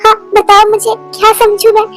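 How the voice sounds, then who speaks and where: A woman's voice: very high-pitched, monotone, fairly quick, fairly bright tone, faint music behind, low-quality recording. A woman voicing a hurt young girlfriend who scolds and teases her boyfriend, in a fan-dubbed romance. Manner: scolding then apologetic. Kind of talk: Hindi fan dub of a romance story.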